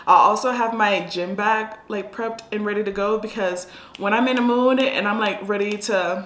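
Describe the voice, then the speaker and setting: A woman's voice: medium pitch, a bit bright. An American woman giving casual lifestyle advice in a chatty, conversational vlog style. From United States. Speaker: lifestyle vlogger. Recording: echoey room sound.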